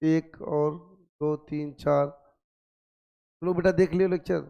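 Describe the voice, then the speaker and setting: A man teaching a physics class, nursing a sore throat, coaxing and gently scolding his students with repeated questions. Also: a little high, fairly even intonation, takes it slowly, gravelly, clear, resonant tone, lo-fi sound. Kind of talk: classroom lecture.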